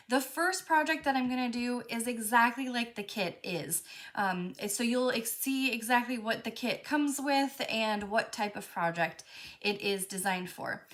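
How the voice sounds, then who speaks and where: Her voice is fairly high and fairly bright as she hosts a live crafting stream. She's friendly and chatty, fills her talk with fillers, and sounds slightly congested from a cold.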